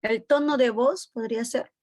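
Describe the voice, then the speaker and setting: Woman student, high voice, dry sound, short tentative answers. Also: fairly even intonation, moderate pace, a little mellow, no echo. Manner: brief tentative answers and backchannels.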